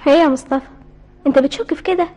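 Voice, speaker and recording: A woman's voice: sits high, racing, mellow, close to an everyday voice. An actress with an Egyptian accent playing an affectionate young woman who coaxes and worries over her brother in a radio drama. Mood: coaxing, worried. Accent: Egyptian Arabic.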